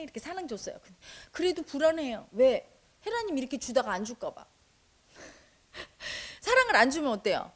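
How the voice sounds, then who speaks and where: A middle-aged woman teaching meditation to an audience. She acts out quoted inner voices and keeps asking her listeners questions. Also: sits high. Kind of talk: spoken dharma talk to an audience.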